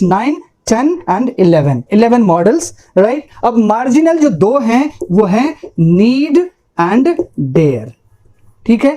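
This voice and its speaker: A woman's voice: fairly high pitch, mellow. A woman teaching English grammar in Hindi with English terms, often checking in with the class and reciting word lists like a poem. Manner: repeats points and checks in with "ठीक है?".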